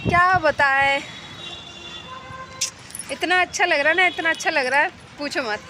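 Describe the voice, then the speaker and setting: A woman's voice: high voice, unhurried, over music. A young woman chatting casually to her viewers from a rooftop, rambling and repeating herself, sounding cold and unwell. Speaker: vlogger. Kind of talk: casual vlog chat to viewers. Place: rooftop outdoors in rain and wind. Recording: loud rain, wind and traffic noise outdoors.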